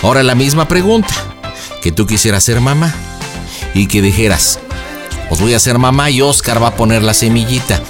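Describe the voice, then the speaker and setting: A man's voice: medium pitch, expressive, normal speed, over music. A man hosting a radio prank show, teasing and playful. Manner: playful, teasing, goes loud when playing the rowdy lover. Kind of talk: radio prank call banter.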